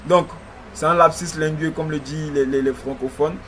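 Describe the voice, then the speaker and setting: High-pitched man lecturing with a slight lisp. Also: fairly even intonation, moderate pace, a bit bright, a little hiss or hum. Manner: didactic, repeats phrases, often adds "ok" as a check. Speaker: religious teacher. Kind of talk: lecture on religious history.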